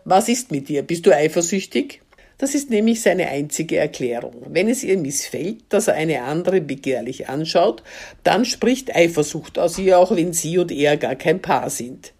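A columnist reading her own column aloud in a measured, wry way. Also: sits low, animated, darkish tone, breathy edge.

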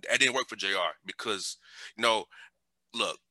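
A man's voice: on the low side, normal speed, bright, forceful tone, no echo. A man in casual conversation, talking animatedly and repeating words for emphasis.

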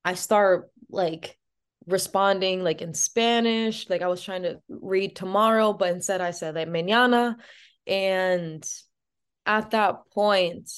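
A woman's voice: medium pitch, takes it slowly, smooth. A woman as an interview guest, telling a personal story in a casual, chatty way with many "like" fillers.

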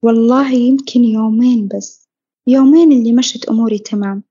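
A woman earnestly telling her own story, reflective and at times dropping to a soft near-whisper. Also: on the high side, fairly quick, no room sound, muffled recording. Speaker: podcast guest sharing her story. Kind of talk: personal storytelling.

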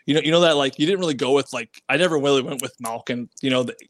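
A man's voice: medium pitch, rapid-fire. A former pro hockey player, a man, guesting on a podcast and telling stories in a casual, rambling way with lots of fillers. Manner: rambling, animated, many fillers.

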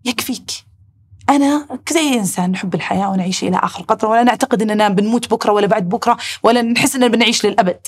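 A woman with a Saudi accent hosting a heartfelt talk, reflecting aloud in rushed bursts. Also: mid-range voice, breathy edge. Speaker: podcast host.

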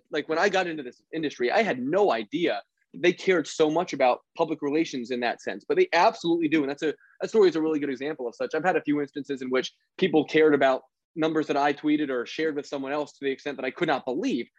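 A man's voice: fairly high pitch, brisk, no echo. A man from Philadelphia, a sports researcher and guest, explaining things earnestly in casual interview chat and correcting himself often. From Philadelphia, USA. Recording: dry, dull lo-fi audio.

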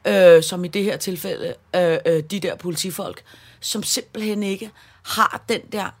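A woman with a lowish voice thinks aloud, hesitant and reflective, pausing on fillers and often agreeing with her partner. Her voice sits below the usual pitch for a woman. The setting is a relaxed podcast chat. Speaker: podcast co-host. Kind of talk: casual chat.

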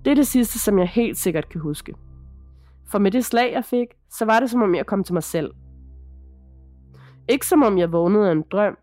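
A woman's voice: medium pitch, lively intonation, dark tone, no echo, faint music behind. Woman narrating a creepy story. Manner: measured, dramatic storytelling. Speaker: podcast host. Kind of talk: scripted first-person horror narration.

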